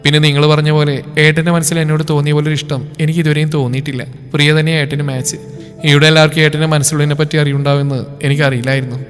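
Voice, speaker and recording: A man doing a gentle, coaxing young woman. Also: fairly high pitch, little pitch movement, rapid-fire, in a large hall, soft background music, natural voice. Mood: reasoning. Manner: soothing, reasoning.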